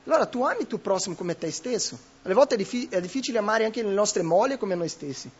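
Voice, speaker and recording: A man's voice: high voice, lively intonation, fast, slightly rough, dull audio. A man preaching a sermon, emphatic and rhetorical, often correcting himself mid-phrase. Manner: emphatic, with frequent self-corrections and rhetorical questions.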